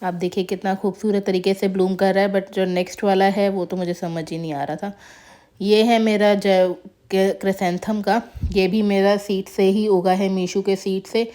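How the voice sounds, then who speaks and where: A woman's voice: medium pitch, flat delivery, moderate pace, warm tone. A woman casually narrating a tour of her flowering plants as a gardening vlogger, chatty and showing each plant in turn. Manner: chatty, shows plants one by one.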